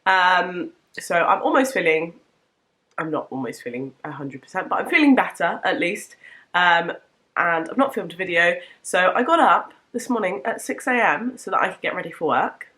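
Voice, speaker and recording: A woman's voice: fairly low pitch, expressive, normal speed, pushed and bright. Chatty young woman, nasal from a cold. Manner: chatty, rambling, self-correcting. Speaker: book vlogger. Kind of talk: casual chat to camera.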